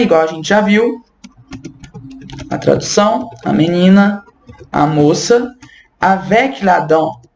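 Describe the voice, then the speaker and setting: A woman teaching French pronunciation online, patiently repeating words slowly and explaining them casually. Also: on the low side, a little mellow, echoey room, a little hiss or hum. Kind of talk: online language lesson.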